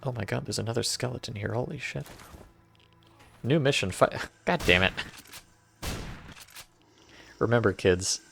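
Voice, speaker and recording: Gravelly, wry male game streamer. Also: mid-range voice, measured pace, long pauses, fairly bright tone, faint music behind. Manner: wry, joking, often laughs and restarts. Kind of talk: let's-play commentary.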